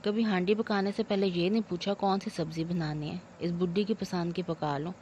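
A woman's voice: fairly low pitch, steady tone, moderate pace, warm tone, highs cut off, slight background noise, lightly acted. A woman voicing an aging, self-pitying mother-in-law who scolds and laments theatrically. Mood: aggrieved. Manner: wailing complaints, theatrical laments.

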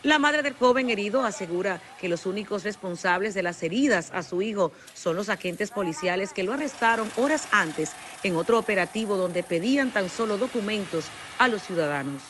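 A woman's voice: mid-range voice, a little fast, few pauses, slight background noise. A woman in her thirties with a Dominican accent, giving a formal news field report outdoors into a handheld mic. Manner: steady formal news delivery. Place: outdoors on a street.

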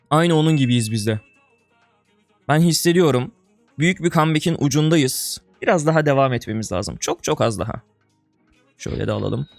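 A man's voice: medium pitch, darkish tone, no room sound. Exasperated young man streaming a game. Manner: exasperated, groaning and swearing under breath; addresses viewers as brother and buddy. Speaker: gaming streamer. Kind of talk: casual game commentary.

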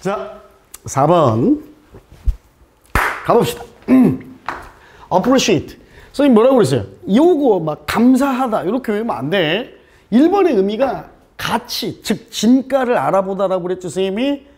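A man's voice: high voice, very animated, measured pace, darkish tone, slight background noise. A man teaching an exam-prep English lesson, firing rhetorical questions at his students, dropping English terms into his explanations and making jokey asides.

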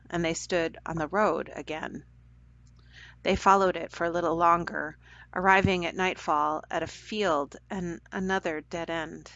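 Gentle woman reading a children's story. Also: on the low side, vocal fry, no room sound. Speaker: storyteller for a church program. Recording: dull dry lo-fi recording.

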